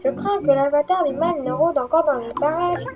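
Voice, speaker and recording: A worried mother from a cheerful fantasy game pleads for help in a very high, fretful voice, as a woman puts her on. Soft game music plays behind. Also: fairly quick, close to an everyday voice. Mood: fretful pleading.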